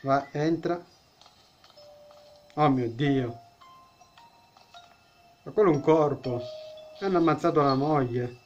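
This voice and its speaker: A man's voice: a little high, takes it slowly, pauses often, muffled recording, soft background music. Jokey man narrating a horror game. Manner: jokey, chats with the game characters, startled exclamations. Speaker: gaming YouTuber. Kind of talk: let's-play horror game commentary.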